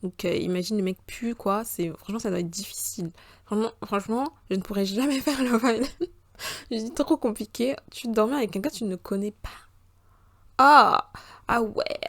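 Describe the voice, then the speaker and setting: A woman's voice: mid-range voice, brisk, a little mellow, dry recording. A woman in her twenties from the Republic of the Congo and the Central African Republic, hosting a casual solo podcast in a chatty, slangy way. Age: 20s. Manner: chatty, slangy, swearing on her mother, switching into voices. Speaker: podcast host.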